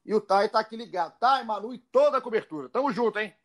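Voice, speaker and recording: A man's voice: high voice, expressive, fast. A man with a Brazilian accent hosting a casual football show in a chatty, informal, emphatic way. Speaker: sports podcast host.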